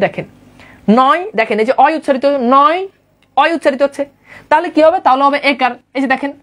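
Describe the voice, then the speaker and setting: A woman teaching a grammar lesson online, repeating points and quizzing her listeners. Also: high voice. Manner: repetitive, drilling, quizzes listeners often.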